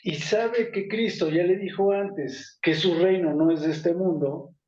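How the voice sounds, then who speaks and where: A man, his voice pitched a little high, leads an informal Bible study. He talks in a loose, conversational way, full of fillers and self-corrections. The sound is echoey and muffled, as if recorded in a hard room on lo-fi gear. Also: unhurried, a little mellow.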